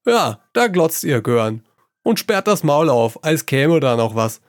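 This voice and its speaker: A man giving a gruff, salty performed reading of a comic story, in the voice of an old sailor yarning to children. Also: on the high side, sing-song, measured pace, dry recording, clean studio sound.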